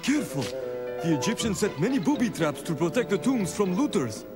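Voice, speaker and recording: A man's voice: high voice, very animated, a little fast, over loud music. A man voicing a learned, cautious male mouse guide in a cartoon. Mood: explaining. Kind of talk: cartoon voice acting.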